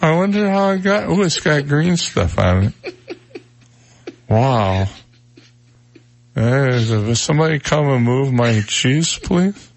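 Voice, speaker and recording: A man's voice: mid-range voice, big pitch swings, voice pushed up. A man voicing a drunk male mouse who talks in a manly, slurred voice. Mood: bemused. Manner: slurred, slow, wondering aloud.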